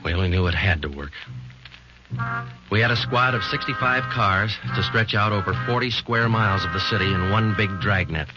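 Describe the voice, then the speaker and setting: Narrating a 1940s radio drama over music, an actor voices a police sergeant who is calm and matter-of-fact, in flat, clipped tones and lightly acted. The male voice is on the low side at a moderate pace, and the old broadcast recording sounds dull.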